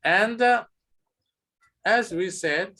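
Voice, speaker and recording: Speaking very slowly in a high, pushed and bright voice, a male teacher patiently explains a lesson step by step in a classroom, hesitating often. The talk is a classroom lesson with questions and answers.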